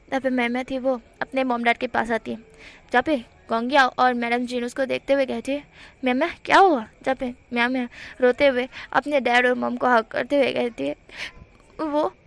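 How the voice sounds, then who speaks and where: A woman's voice: fairly high pitch, little pitch movement, a little fast, creaky, fairly bright tone. A young woman casually retelling a romance fan fiction, chatty, speaking to her viewers and acting out the dialogue. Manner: chatty, addresses listeners as guys, mixes English words.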